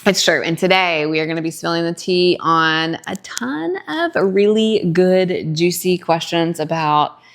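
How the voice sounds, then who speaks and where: A chatty, enthusiastic woman co-hosts a family podcast. Her voice is low and gravelly, and its pitch swings widely as she talks. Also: animated, a little slow, hardly any pauses. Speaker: podcast co-host. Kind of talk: casual family chat.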